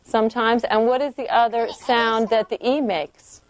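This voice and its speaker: A woman's voice: on the high side, fairly even intonation, moderate pace, a crowd in the background. A woman teaching a small group of children to read in a classroom, patiently asking questions and checking they follow. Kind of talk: classroom phonics lesson.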